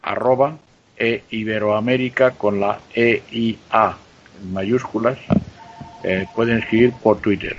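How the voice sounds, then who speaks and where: A man's voice: lowish voice, fairly even intonation, unhurried, muffled recording, slight background noise. A man from Spain co-hosting a podcast, telling anecdotes in casual chat and repeating words. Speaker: podcast co-host.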